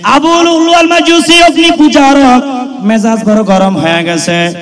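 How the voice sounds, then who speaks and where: A man's voice: extremely high pitch, a little slow. A man from the Khulna region preaching a sermon at an open-air gathering, impassioned, drawling and chanting phrases and calling on the listeners to respond. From Khulna region, Bangladesh. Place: large outdoor religious gathering. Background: crowd.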